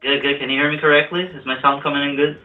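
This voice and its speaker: A man's voice: a little high, little pitch movement, quick pace. A male caller talking over a speakerphone who speaks hesitantly, often restarting and repeating his words. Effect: on speakerphone over a phone line. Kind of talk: casual call-in chat. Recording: tinny phone line with faint music.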